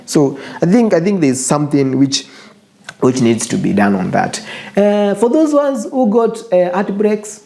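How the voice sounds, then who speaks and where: Mellow-voiced young Kenyan man, earnest show host. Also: sits high, wildly swooping pitch, measured pace, vocal fry. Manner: switches between English and Swahili; earnest, repeats phrases for emphasis. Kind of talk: casual monologue to viewers, advice.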